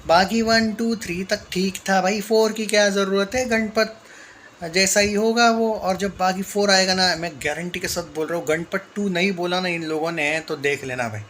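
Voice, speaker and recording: A man's voice: sits high, fairly even intonation, normal speed, a bit bright. A man giving heated, emphatic film commentary straight to his viewers, with light noise in the background. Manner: heated, emphatic, repeatedly addressing viewers as brother. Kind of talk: casual opinionated commentary.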